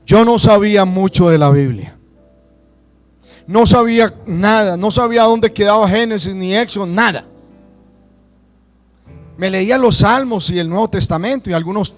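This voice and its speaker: A Colombian man preaching a sermon to his congregation, rising to shouts and acting out churchgoers' excuses. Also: high-pitched, moderate pace, pauses often, soft background music. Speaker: pastor.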